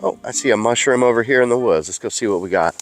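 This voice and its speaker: With soft music playing behind him, a mycology host whose allergies have left him stuffy talks quickly in a mid-range voice. He casually explains what he discovers in the forest, leaning on frequent fillers, as part of an outdoor teaching vlog.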